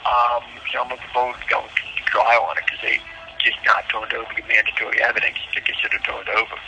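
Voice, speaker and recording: A man calling over a prison phone line, recounting his court troubles earnestly and haltingly, with frequent ums and restarts. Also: medium pitch, flat delivery, pushed and bright, slight background noise. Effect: heard over a prison phone line.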